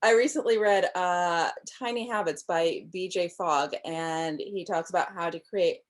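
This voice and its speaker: Speaking a little slowly in a voice on the low side, a thirtysomething novelist joins a casual interview via video call from home. She shares her thoughts on writing with enthusiasm and plenty of ums.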